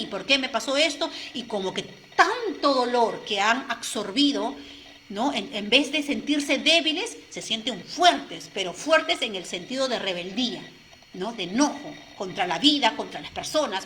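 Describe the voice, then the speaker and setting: Earnest higher-voiced woman coach. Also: animated, moderate pace, sharp tone, a little hiss or hum. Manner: earnest, addresses listeners directly with frequent "¿no?". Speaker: life coach. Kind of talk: motivational radio-style talk to listeners.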